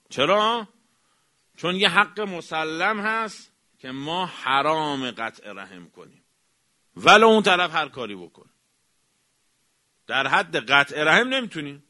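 A man delivering a religious lecture, emphatic, swinging from raised exclamations down to quiet, low remarks. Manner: emphatic, rising to exclamations then dropping low. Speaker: cleric.

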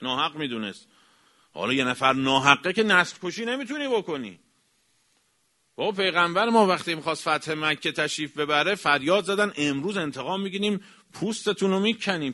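A man delivering a religious lecture, emphatic, swinging from raised exclamations down to quiet, low remarks. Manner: emphatic, rising to exclamations then dropping low. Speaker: cleric.

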